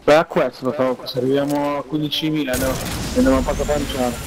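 A man's voice: mid-range voice, level tone, fast, crowd noise, poor audio. A man guiding his teammates in casual video game chat, recorded with noise and gunfire behind him.

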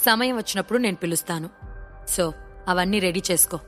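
A woman voicing a calm, self-assured young male hero in an audio story, giving orders quietly and quickly. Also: lowish voice, soft background music, lightly acted.

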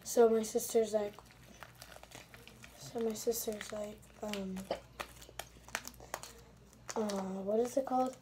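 A fairly high-voiced young female vlogger rambles to her viewers from her bedroom, tossing in little apologies as she goes. Crinkling and clicking sounds sit clearly behind her voice. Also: fairly even intonation, slow pace, pauses often, background noise. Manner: rambling, chatty, apologetic asides. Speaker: slime vlogger. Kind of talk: casual vlog chat to viewers.

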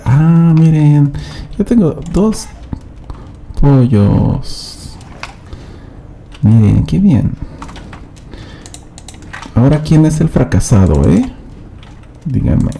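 A man streams a game live, talking straight to his chat with teasing banter. His voice is gravelly and very dark, and he speaks slowly with a lively, swinging pitch. Faint keyboard clatter sits behind him. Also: slight background noise. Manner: chatty, addresses chat directly, teasing banter. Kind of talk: live gameplay commentary.

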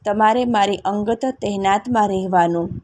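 A woman voicing a kind, wise male king in a storybook reading, asking calm questions. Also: medium pitch, moderate pace, natural voice.

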